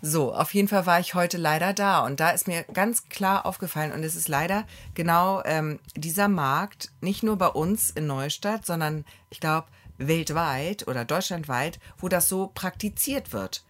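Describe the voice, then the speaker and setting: A woman co-hosting a casual podcast chat, telling an everyday grievance in an indignant, animated way with repeated words for emphasis. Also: fairly low pitch, normal speed, few pauses. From Germany. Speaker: podcast co-host.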